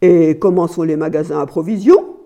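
A woman reading aloud puts on a cruel nobleman husband who growls and barks his questions. The voice stays mellow and warm underneath, loud and pressing in its threats, as in a storybook reading. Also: a little high, normal speed, natural voice. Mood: menacing. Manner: growling, barking demands.

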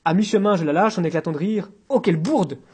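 A man voicing a suave, witty male intellectual with a soft, self-assured delivery in an audiobook reading. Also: sits high, fast, husky. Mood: mocking.

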